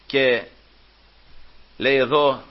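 A man preaching a sermon with fervor, swinging between hushed asides and loud exclamations and calling out to his listeners as brothers. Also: medium pitch, steady tone. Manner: addresses listeners again and again as brothers. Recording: dull lo-fi recording.

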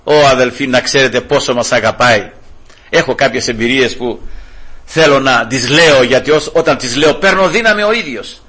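Husky middle-aged guy preaching, bright sharp voice, goes quiet then loud. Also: medium pitch. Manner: fervent, swings from hushed to exclamatory. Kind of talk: sermon with personal testimony.

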